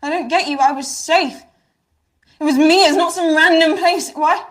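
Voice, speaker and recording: A woman's voice: high-pitched, a little slow. An actress playing a defiant fourteen-year-old girl arguing back with her father. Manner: defensive, indignant.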